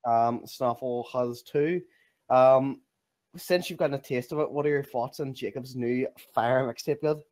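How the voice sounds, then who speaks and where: A man's voice: mid-range voice, unhurried, a little mellow. A man co-hosting a casual online chat, teasing and joking with the guest.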